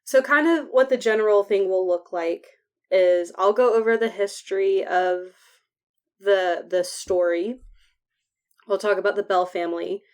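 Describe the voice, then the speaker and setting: A woman's voice: medium pitch, unhurried, darkish tone, clear, resonant tone. Casual woman podcaster with whistling S sounds. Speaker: podcast co-host.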